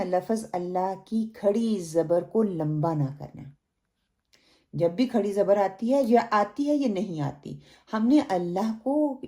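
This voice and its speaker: A woman gives a recorded recitation lesson at a very unhurried pace. Her voice sits in a middle pitch range. She explains each point patiently and stretches out the words she demonstrates. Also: dark tone. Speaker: Quran recitation teacher.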